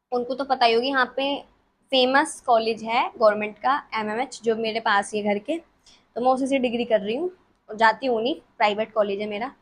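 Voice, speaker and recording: Young woman, high bright voice, chatty and giggly, casual vlog, phone camera in a bedroom. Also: slight background noise. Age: 20s. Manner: chatty, giggly, self-mocking. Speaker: vlogger answering follower questions. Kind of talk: casual chat. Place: her bedroom by the wardrobe.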